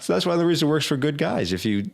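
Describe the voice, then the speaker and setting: A middle-aged man, an executive coach hosting a casual talk, who tells animated stories and acts out his clients' voices. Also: on the high side, very fast, vocal fry. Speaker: executive coach, podcast host. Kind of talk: casual conversation.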